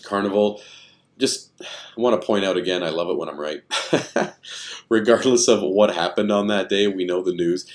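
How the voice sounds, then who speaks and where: A man's voice: low voice, moderate pace. A man giving casual, rambling commentary on stock charts, thinking aloud with many fillers, tired and yawning.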